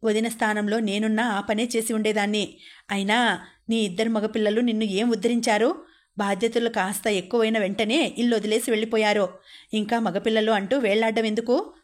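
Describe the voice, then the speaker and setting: A woman's voice: fairly high pitch, fairly even intonation, a little fast, lightly acted. A woman reading the part of a young, studious woman who speaks up firmly for her sister-in-law. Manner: firm, forthright.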